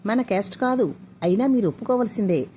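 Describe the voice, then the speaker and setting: A woman's voice: medium pitch, expressive, fast, warm tone, slight background noise, natural voice. A woman voicing a stubborn, defiant young man who talks curtly and insists on his way in a spoken story. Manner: curt, insistent.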